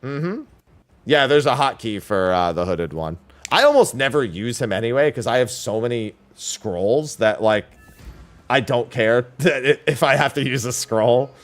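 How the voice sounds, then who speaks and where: A man streaming a video game into a livestream headset mic. He gives relaxed, casual commentary, thinking aloud with frequent fillers. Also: mid-range voice, a little slow.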